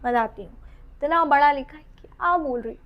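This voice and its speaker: A woman with an Indian accent gives an exam-oriented dental lecture in a very high voice. She reads English definitions slowly, then explains them in Hindi with questions to her students. While counting teeth she drops to a soft murmur. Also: highs cut off. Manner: counts teeth aloud while drawing, trailing off softly.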